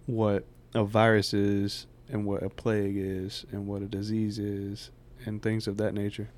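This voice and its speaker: A man's voice: on the low side, monotone, unhurried, a little mellow. A man co-hosting a podcast in casual chat, asking questions and rambling a little, laughing easily.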